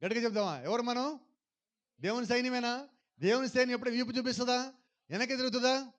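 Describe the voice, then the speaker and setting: A male pastor preaching a sermon, mixing in English phrases and urging the congregation to respond louder. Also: extremely high pitch, fast talker.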